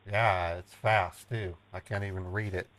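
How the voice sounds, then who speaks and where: A man chatting casually as a caller, in a halting, naive-sounding way, often repeating himself. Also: sits low, steady tone, a bit bright. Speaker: prank caller baiting a phone scammer. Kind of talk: casual phone chat.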